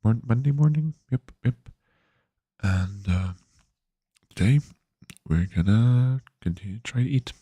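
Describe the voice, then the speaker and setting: A man's voice: medium pitch, measured pace, long pauses, mellow, breathy edge, dry recording. A man streaming his game development work, talking casually and sleepily with many fillers and restarts. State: yawny. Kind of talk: casual live-stream devlog.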